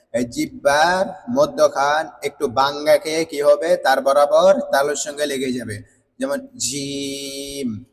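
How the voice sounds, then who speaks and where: A man with a slightly raised voice leads a slow, patient pronunciation lesson, walking through each step several times and asking the listener questions before answering them himself. He stretches out the example sounds, and his voice carries a long reverb over faint background noise. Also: a little high. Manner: patient, repeats steps and asks rhetorical questions; drawn-out letter sounds as examples. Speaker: Quran reading teacher. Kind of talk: spoken lesson on letter pronunciation.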